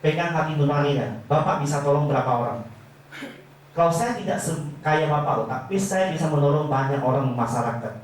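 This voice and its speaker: A man's voice: fairly high pitch, fairly quick, a little hiss or hum. A man giving a motivational sales talk to an audience, animatedly acting out both sides of conversations. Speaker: insurance sales trainer. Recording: very echoey room, distant mic.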